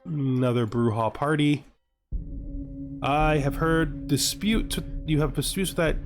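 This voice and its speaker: This gaming video host, a man with a somewhat high, slightly slow voice, thinks aloud in broken-up fragments during casual let's-play commentary, asking himself questions as he plays. Background music sits behind his voice.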